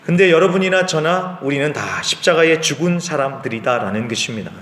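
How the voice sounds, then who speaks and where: A man's voice: on the high side, expressive, brisk, a bit bright. A male pastor giving a sermon in a conversational way, asking rhetorical questions and often affirming with a short "yes.". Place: church sanctuary. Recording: echoey church hall reverb.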